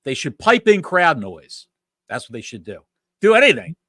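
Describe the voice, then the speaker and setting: A man's voice: a little high, very animated, moderate pace, pushed and bright, husky, no echo. A man co-hosting a podcast, explaining things in a dry, matter-of-fact way in casual chat. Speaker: podcast co-host.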